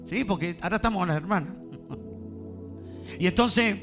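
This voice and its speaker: A man preaching a sermon in a church, fervent, calling on the congregation to answer and rising to shouts. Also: high voice, measured pace, soft background music. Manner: fervent, builds to shouting, calls on congregation to respond.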